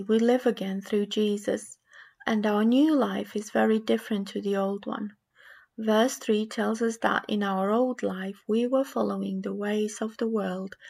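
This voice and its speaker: A woman from Romania with a Romanian accent, reading scripture and giving a sermon in a measured, reflective way. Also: mid-range voice, gravelly, a little mellow. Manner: measured, reflective delivery with small restarts. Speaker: preacher.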